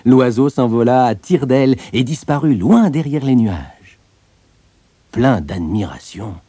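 Low, mellow male storyteller. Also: slightly rough, dry recording. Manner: expressive, lively storytelling. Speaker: narrator. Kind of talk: scripted storybook narration. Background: soft background music.

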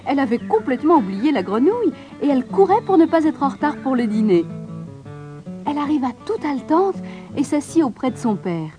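Expressive sing-song woman storyteller. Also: high voice, fairly quick, faint music behind. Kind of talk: scripted fairy-tale narration.

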